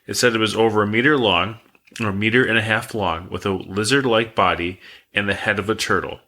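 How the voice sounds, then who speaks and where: Low-voiced man telling a creepy tale. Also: a little fast. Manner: relaxed, rambling, reads facts aloud. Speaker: podcast co-host telling the story. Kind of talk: casual podcast storytelling.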